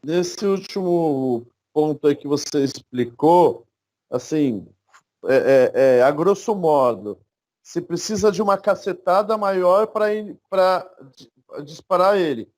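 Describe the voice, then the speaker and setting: A man's voice: a little high, lively intonation, takes it slowly, darkish tone. A man with a Brazilian Portuguese accent, a student asking his teacher a question in a hesitant, informal way.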